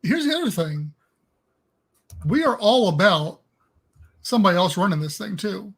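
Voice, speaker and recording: A man's voice: high voice, animated, normal speed, fairly bright tone, husky. A man co-hosting a live stream, chatting casually with informal, folksy phrasing.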